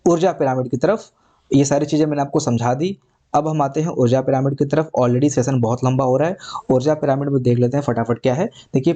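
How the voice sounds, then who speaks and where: A man's voice: on the high side, dark tone. A man teaching an exam prep lesson, going over points again and checking in with his students often. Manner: repeats points, checks with "ठीक है". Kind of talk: online exam lecture.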